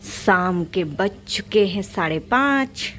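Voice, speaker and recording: A young mother vlogging in her kitchen casually describes her day and her little son to the camera while doing housework. She speaks slowly at a medium pitch with lively intonation, and there is slight background noise.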